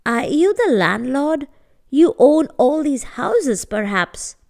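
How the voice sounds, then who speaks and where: A woman storyteller plays a small old woman traveler from a folk tale. She is weary but inquisitive, speaking politely and tentatively in a fairly high voice. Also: very animated, slow, vocal fry, a little mellow, exaggerated voice. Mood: curious, tentative. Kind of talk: acted storytelling dialogue.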